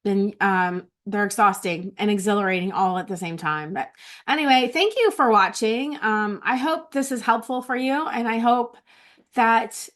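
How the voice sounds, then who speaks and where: A woman's voice: mid-range voice, moderate pace, a bit bright. A middle-aged woman in a casual vlog sharing her notes from a retreat, heartfelt and close to tears, often restarting her phrases. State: tearful.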